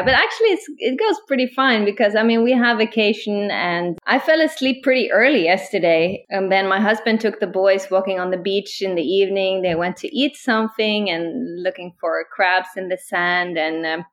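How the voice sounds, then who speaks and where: Chatting casually as a podcast co-host, this Northern Norwegian woman in her thirties speaks English with her regional accent, laughing a lot and staying relaxed. Her pitch is medium.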